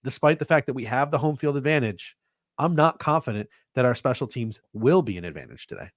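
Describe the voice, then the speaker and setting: A man co-hosting a football pregame show, talking in an animated way and getting heated about the game. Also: medium pitch, a little fast, no room sound, studio quality. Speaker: podcast co-host. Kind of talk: sports pregame talk show.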